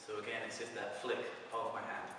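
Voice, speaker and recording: A man's voice: fairly low pitch, little pitch movement, fairly quick, background noise. A man casually teaching a prop-spinning move, talking loosely through each step as he demonstrates it. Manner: loose, talks through moves while demonstrating. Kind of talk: casual video tutorial. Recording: echoey hall, mic far off.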